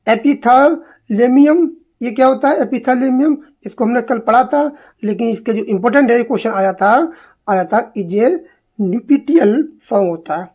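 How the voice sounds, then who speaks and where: A young woman teaches an exam-prep lesson on literary terms. She asks a question, answers it herself and repeats key words to drive them home. Her voice sits a little high. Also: moderate pace, darkish tone.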